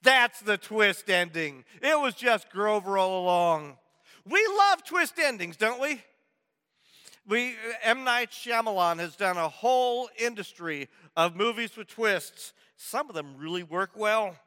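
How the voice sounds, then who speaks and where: High, lively-voiced preacher in a reverberant hall. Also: male voice, measured pace, clear, resonant tone. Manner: playful storyteller, builds mock suspense. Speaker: pastor. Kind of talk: sermon.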